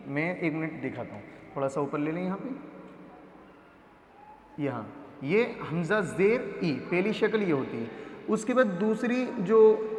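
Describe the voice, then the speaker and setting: A man's voice: sits high, slight background noise. A man teaching a patient reading lesson, stretching out letter sounds to demonstrate them and often checking that students follow. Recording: echoey room with long reverb.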